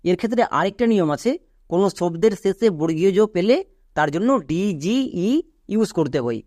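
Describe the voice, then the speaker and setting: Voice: medium pitch, lively intonation, fairly quick, a little mellow, dry recording. Patient pronunciation teacher, dry close sound. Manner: patient, repetitive, asks the listener questions. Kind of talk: spelling-out classroom lesson.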